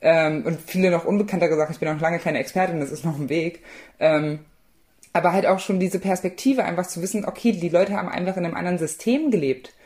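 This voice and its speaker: Low-voiced young woman author, halting. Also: a little mellow. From eastern Germany. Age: young adult. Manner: hesitant, many fillers and restarts. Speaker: author guest. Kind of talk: conversational podcast interview.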